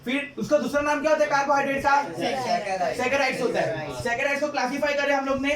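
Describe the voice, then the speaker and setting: A man's voice: extremely high pitch, quick pace. A male chemistry teacher lecturing a class, repeating points and quizzing students with questions. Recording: echoey classroom, distant mic, student chatter.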